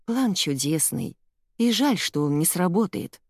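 A woman reading an audiobook, voicing a kind old grandmother who speaks calmly and gently. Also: fairly low pitch, measured pace, vocal fry, no echo, studio quality, exaggerated voice. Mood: firm.

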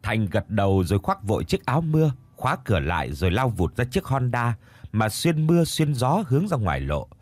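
Expressive male horror story narrator. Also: mid-range voice, fairly quick, no room sound. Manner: dramatic, expressive.

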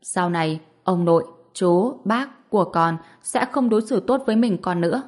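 A woman's voice: lowish voice, expressive, normal speed, darkish tone. A woman voicing a meddling old grandmother who goads a child over the phone, in an audio story. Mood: goading. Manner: insinuating, goading.

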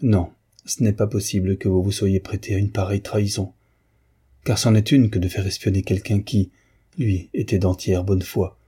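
A man's voice: lowish voice, fairly even intonation, moderate pace, warm tone, slightly rough. A man reading an audiobook, voicing a young officer who pleads passionately and then turns indignant. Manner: imploring, impassioned.

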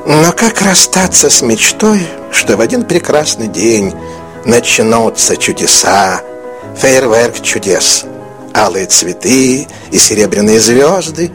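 A man narrating an audiobook in an expressive, melodic storytelling manner. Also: medium pitch, takes it slowly, over music. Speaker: audiobook reader.

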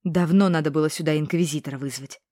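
A woman reading a novel aloud, voicing a fierce, bossy witch who talks in a sharp, commanding way. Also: sits low, fast talker, dry recording, studio quality, close to an everyday voice. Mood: insistent.

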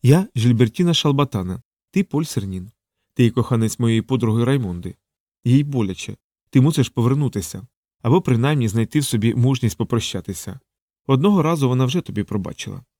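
A man reading an audiobook, voicing a proud, wounded young woman who speaks with sharp venom. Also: medium pitch, expressive, fairly quick, no room sound, studio quality, lightly acted. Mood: pleading.

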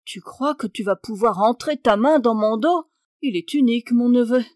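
A high-strung, imperious baroness who scolds and exclaims at every turn, as a woman reader puts her on. Her voice pitches up sharply and pushes loud when she is outraged. The reading is close and dry, with no room sound. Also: moderate pace, dry recording, lightly acted. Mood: indignant. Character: fussy, imperious aristocratic aunt, a baroness.

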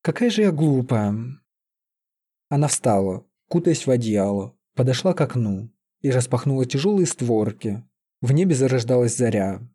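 A man calmly reading a fantasy story aloud as an audiobook narrator. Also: medium pitch, moderate pace, slightly rough. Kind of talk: scripted narration.

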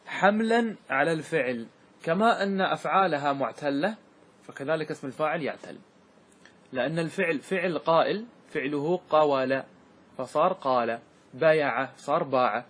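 A man, a sheikh, teaching a class on Arabic grammar, reciting verse slowly and checking whether students follow. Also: on the high side, fairly bright tone. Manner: asks students rhetorical checks like "clear?". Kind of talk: classroom lesson explaining verse.

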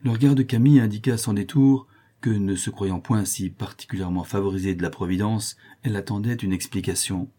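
A man reading a novel aloud as audiobook narrator, measured and expressive. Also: lowish voice.

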